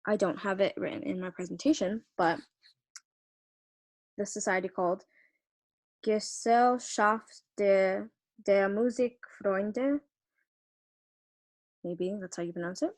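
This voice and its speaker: A woman's voice: on the low side, fairly even intonation, brisk, pauses often. A young woman presenting a student research project, talking with many fillers, restarts and stumbles over names.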